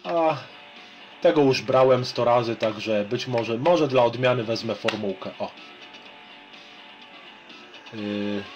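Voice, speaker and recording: Polish male vlogger, 30s, average pitch, informal rambling chat and game commentary, recorded at home. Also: slow pace, long pauses, highs cut off, faint music behind. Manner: colloquial, rambling. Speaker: retro gaming vlogger. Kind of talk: casual chat and gameplay commentary. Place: small home room with shelves.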